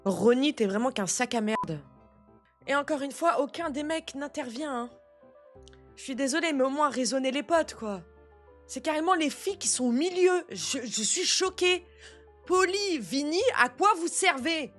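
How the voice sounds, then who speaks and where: Jeune animatrice de vidéos réaction, expressive, indignée, au langage familier, voix assez haute, avec une musique discrète derrière. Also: female voice, sits high, moderate pace, soft background music. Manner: animated, outraged, slangy. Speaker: reaction video host. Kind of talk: casual reaction commentary.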